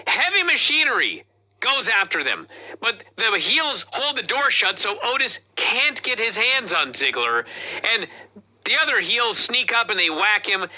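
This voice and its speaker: A podcast co-host giving a casual wrestling review, retelling the match play by play with lots of swearing. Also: mid-range voice. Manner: profane, animated play-by-play retelling.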